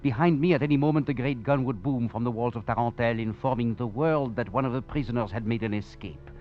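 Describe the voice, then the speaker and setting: In a 1940s radio drama, an actor plays a wry, cunning escaped prisoner who tells his story with chuckles and theatrical flair. His mid-range voice is quick and close to an everyday voice. The old radio recording sounds dull, with faint music.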